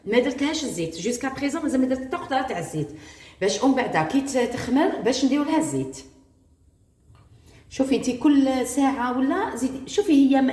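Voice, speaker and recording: A cooking vlogger with an Algerian Arabic accent chats with viewers while cooking at home, mixing French words into a casual tutorial. Her voice is fairly high with a darkish tone, and the room is echoey.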